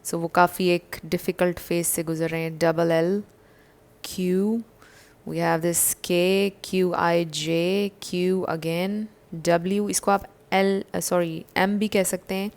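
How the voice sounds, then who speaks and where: A woman giving a casual tarot reading to her viewers, gentle and reassuring, slipping English phrases into her talk. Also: on the low side, flat delivery, takes it slowly. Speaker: tarot card reader.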